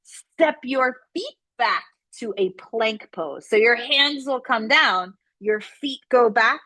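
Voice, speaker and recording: Slow, gentle woman guiding kids' yoga. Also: fairly high pitch, expressive, no room sound. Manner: gentle, encouraging, playful cues with animal sounds. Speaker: yoga instructor. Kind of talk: guided kids' yoga instruction.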